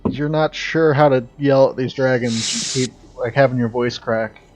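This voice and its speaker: A man's voice: medium pitch, fairly even intonation, moderate pace, slight background noise. A man acting as game master, narrating and refereeing a tabletop role-playing game. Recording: slightly dull sound, faint music behind.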